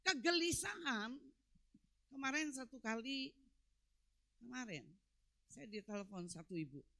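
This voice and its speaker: A woman pastor preaching a sermon with emphatic delivery, swinging between loud peaks and quiet, low drops. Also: expressive, measured pace, no room sound.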